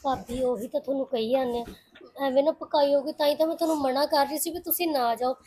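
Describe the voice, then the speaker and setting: An actress playing a caring young woman who calmly reassures and comforts. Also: sits high, fast, lightly acted, rough recording. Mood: reassuring. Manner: soothing, reassuring. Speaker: young sister-in-law. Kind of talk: Punjabi web-series acting.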